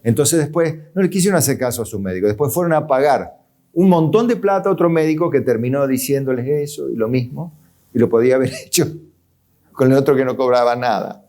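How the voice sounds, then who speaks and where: A man's voice: medium pitch, a little fast, a little mellow. A man pastor with an Argentine accent, preaching a sermon in a conversational way, full of rhetorical questions and light chuckles. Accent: Argentine Spanish.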